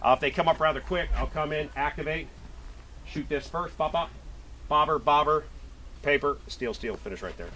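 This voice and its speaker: A man's voice: fairly high pitch, moderate pace, bright, forceful tone. Man explaining a stage outdoors, noisy audio. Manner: matter-of-fact, explanatory, counts out shot sequences. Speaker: competitive pistol shooter and vlogger. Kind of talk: casual on-location walkthrough. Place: outdoor shooting range.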